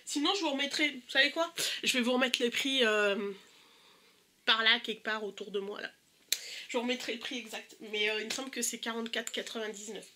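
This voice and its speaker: A woman's voice: fairly high pitch, brisk, pushed and bright, a little hiss or hum. A young woman with a stuffy nose, chatting casually and eagerly through a makeup haul with many hesitations. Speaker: beauty vlogger.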